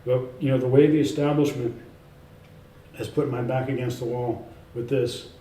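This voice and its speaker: At a normal speed, an author in a casual face-to-face interview speaks in a dark, medium-pitched voice with fairly even intonation. His rambling is emphatic and self-assured, peppered with fillers and restarts, and he's heard from a distance in an echoey room with faint ambience.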